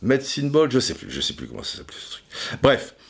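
A man's voice: medium pitch, huge pitch swings, quick pace, creaky. A middle-aged man telling football history in a casual way, stumbling into frequent repeated words and fillers as he addresses the listener directly. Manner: many stammered repeats and fillers. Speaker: football storyteller. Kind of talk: casual spoken storytelling.

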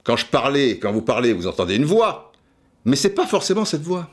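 A podcast host tells a rambling, digressive story in a casual monologue, full of restarts and asides. His voice is medium in pitch, very animated, and fairly quick.

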